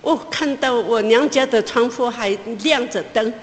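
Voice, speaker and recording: Woman telling a testimony in a reverberant hall. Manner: pauses and restarts, pitch climbs as she relives the tension. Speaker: mother giving a personal testimony. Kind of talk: emotional spoken testimony.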